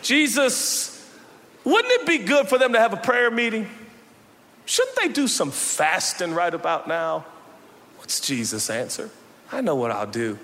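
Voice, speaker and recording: A man preaching a sermon as pastor, swinging from loud shouts to hushed, low passages. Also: wildly swooping pitch, a little slow, long reverb tail. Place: church sanctuary.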